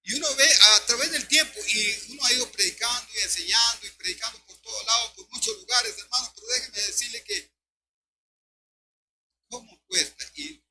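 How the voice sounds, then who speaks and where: An older man preaches an emphatic sermon in a high-pitched voice. He keeps turning to his listeners and calling them brother. A steady hum and noise sit under the recording. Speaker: pastor.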